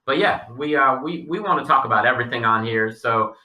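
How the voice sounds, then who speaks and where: A man with a deep Southern US accent, chatting casually as a podcast co-host. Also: a little fast, pushed and bright. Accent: Southern US drawl. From Long Island, later North Carolina. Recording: roomy echo, distant mic.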